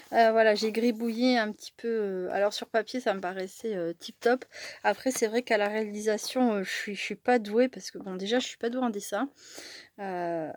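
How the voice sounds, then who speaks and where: A woman's voice: on the high side, darkish tone. Chatty, self-mocking woman showing crafts. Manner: chatty, self-deprecating, many fillers and restarts. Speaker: crafts vlogger. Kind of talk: casual crafting show-and-tell.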